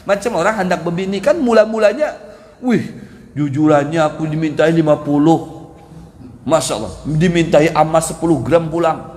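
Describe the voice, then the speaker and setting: A high-voiced male preacher delivers a lively dawn sermon, acting out prayers and laughing often. His voice rings through a mosque hall with a long reverb. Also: moderate pace.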